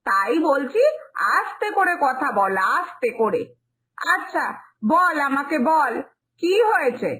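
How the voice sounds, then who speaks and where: A woman voicing a stern middle-aged mother-in-law who scolds slowly in a lowered voice, for a cartoon story. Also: big pitch swings, a bit bright, heavily acted. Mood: scolding.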